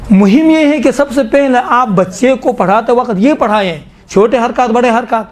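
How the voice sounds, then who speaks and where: A middle-aged man with a notably high voice teaches a class on Quran recitation. He explains each rule patiently and often breaks into slow, drawn-out recitation to demonstrate. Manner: explains step by step, slowly recites and repeats verses to demonstrate. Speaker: tajweed teacher.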